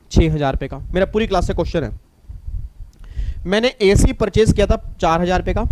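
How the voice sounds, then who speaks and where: A middle-aged man with an Indian accent teaching a tax class, lively, repeating his points and teasing students. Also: high voice, slight background noise. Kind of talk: recorded classroom lecture.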